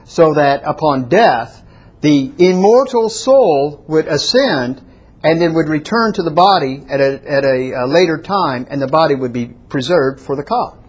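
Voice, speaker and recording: A man preaching a sermon, reading slowly from a prepared text and rising to emphatic peaks. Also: a little high, expressive, husky. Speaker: pastor.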